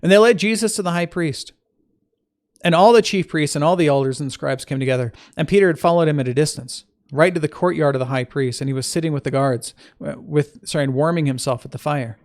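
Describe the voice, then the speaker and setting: A man's voice: a little high, fairly quick, darkish tone. A man reading scripture aloud. He stops to correct his own slips and adds informal asides between the verses. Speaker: Bible reader.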